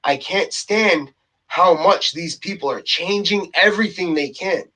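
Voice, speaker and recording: Over a rough recording, a male vlogger with a high, sharp voice rants to camera without hurrying. He's worked up and exasperated, slightly breathless, circling back to the same points and tacking "okay?" onto them.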